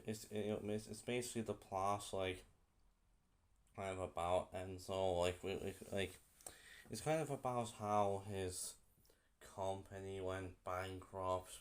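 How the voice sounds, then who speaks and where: A young man giving a casual film review, halting and often repeating himself. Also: fairly low pitch.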